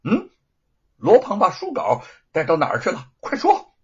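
A man voicing a calm, commanding young swordswoman in a told story, coolly threatening. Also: on the high side, moderate pace, slightly rough, muffled recording, pitched above the performer's own voice, exaggerated voice. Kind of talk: storybook character voice.

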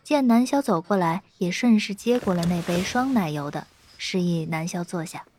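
A woman narrating a web novel in a steady, lightly playful storytelling tone. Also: on the low side, moderate pace, slight background noise. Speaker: audiobook narrator.

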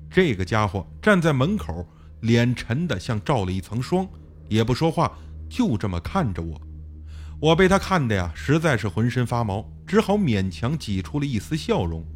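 A man narrating a first-person audiobook story in a lively, expressive way. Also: medium pitch, a little hiss or hum.

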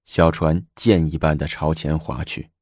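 A man narrating a historical story in a lively, expressive storytelling style. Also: rumbling low, normal speed, dry recording, clean studio sound.

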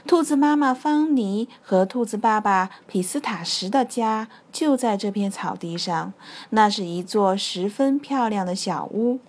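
A woman narrating a bedtime story for children, slow and expressive. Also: mid-range voice.

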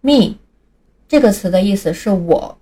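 A woman reads a scripted pronunciation lesson in a mellow, warm voice at a middling pitch. She speaks clearly and deliberately and spells words out slowly, letter by letter. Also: animated. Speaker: English pronunciation teacher.

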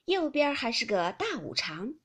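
A lively young maid who takes charge of a drinking game, bossy in a playful way, as a woman reads her part. Her lines come a little higher and louder than the narration, bright in pitch and swinging widely. A husky edge stays on the voice. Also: a little slow, exaggerated voice. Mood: explaining. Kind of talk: audiobook character reading.

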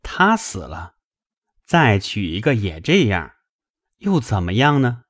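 A man's voice: lowish voice, sing-song, slow, dry recording, studio quality, heavily acted. A drunk, blustering nobleman. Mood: drunk angry. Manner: blustering, loud, heavy. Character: drunk, angry young nobleman, a husband.

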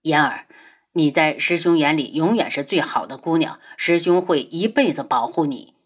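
A woman's voice: takes it slowly, fairly bright tone, breathy edge, heavily acted. A woman doing a cold, stern young prince. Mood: tender. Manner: cold, clipped and lowered.

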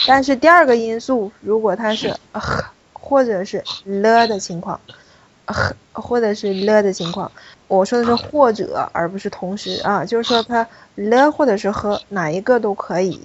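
A woman's voice: medium pitch, a little hiss or hum. Woman teacher walking a class thru syllable rules, repeats stuff, kinda dull classroom audio. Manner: explanatory, repeats key points, calls on students. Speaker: French teacher.

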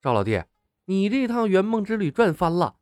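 A man's voice: sits high, big pitch swings, moderate pace, darkish tone, dry recording, studio quality. A man voicing a sly, self-assured young male team leader who teases his friends. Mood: teasing.

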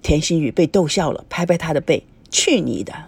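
A woman narrating an audiobook story in a lively storytelling manner. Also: low voice, fast, slightly rough. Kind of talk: scripted narration.

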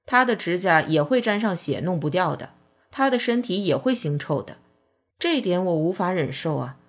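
A woman voicing a tense, indignant young male university student in an audiobook reading, with shrill, trembling outbursts. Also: animated, normal speed. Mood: uneasy.

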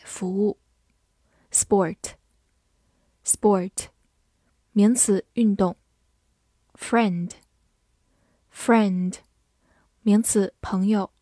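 A woman teacher reviewing vocabulary, saying each word twice in a clear, careful way before giving its meaning. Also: medium pitch, warm tone, no echo, clean studio sound.

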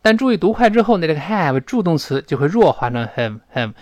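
A man teaching an English pronunciation lesson to Chinese learners, with a lively, swooping pitch and a voice pitched a little high. His native tongue is Chinese, and he stretches English words out slowly as models. The close recording sounds dry, with no room echo. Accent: Mandarin-speaking teacher.

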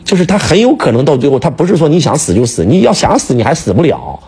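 A man's voice: fairly high pitch, very animated, fast, warm tone, slightly rough. A man lecturing in a casual chat, emphatic and full of rhetorical questions, talking to his listener like a teacher. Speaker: speaker, teacher.

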